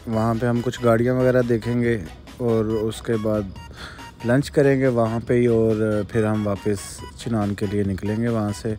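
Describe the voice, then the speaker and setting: A man from Pakistan, casually narrating a road trip from inside a car in a relaxed, polite way. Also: mid-range voice. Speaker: travel vlogger. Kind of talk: casual travel vlog narration. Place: in a car on a highway.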